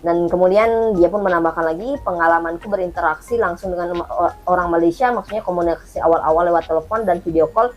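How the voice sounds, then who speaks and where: A woman in casual chat, explaining and sounding out words slowly. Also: fairly low pitch, a little mellow. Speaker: co-host.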